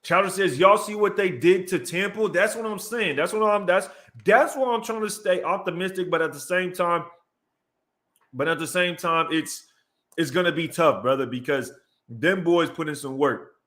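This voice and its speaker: Excited man breaking down game film. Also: sits high, moderate pace. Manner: reads out chat messages and gives shout-outs. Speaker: show host. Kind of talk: casual livestream commentary.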